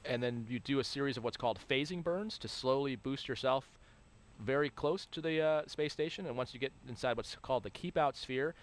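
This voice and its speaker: Fast-talking man explaining a launch live. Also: mid-range voice. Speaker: expert launch broadcast commentator.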